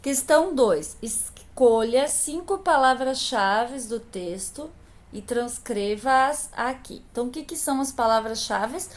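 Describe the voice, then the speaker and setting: A woman's voice: fairly high pitch, animated, slow pace. A woman teacher patiently explaining a grammar lesson to young pupils, asking questions and answering them herself. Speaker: primary school teacher.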